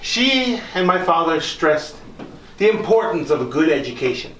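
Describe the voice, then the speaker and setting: A man's voice: fairly high pitch, very animated, moderate pace, a bit bright, a little hiss or hum. A man playing a genteel nineteenth-century country doctor, telling his life story in a theatrical, folksy monologue to a live group. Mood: genial, proud. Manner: theatrical, folksy, addressing listeners directly. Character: genteel 19th-century country doctor, proud, reminiscing, later grieving. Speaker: costumed tour performer. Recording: echoey room, live performance.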